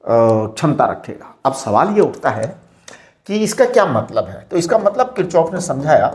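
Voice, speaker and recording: A male physics teacher, speaking in a slightly high, very animated voice. He talks slowly and deliberately, repeating key phrases as if dictating notes. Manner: asks the class checking questions. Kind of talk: classroom lecture.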